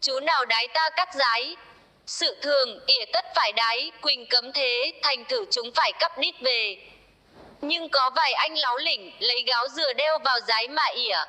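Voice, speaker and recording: A woman's voice: high-pitched, sharp tone. A woman reading old folk humor tales aloud, voicing the quoted lines in her own voice. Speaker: storyteller.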